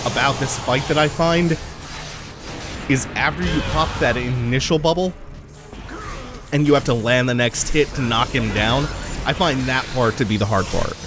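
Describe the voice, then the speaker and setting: A man's voice: medium pitch, moderate pace, pauses often, music in the background. A man giving casual, laid-back gameplay commentary, explaining things as he plays. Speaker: let's play commentator.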